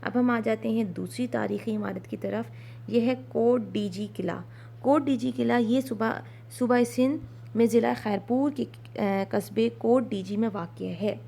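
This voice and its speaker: Gravelly-voiced woman teaching a class. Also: a little high, warm tone. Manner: explains slowly with many fillers, mixes English words. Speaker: Urdu tutor. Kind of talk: online class lesson.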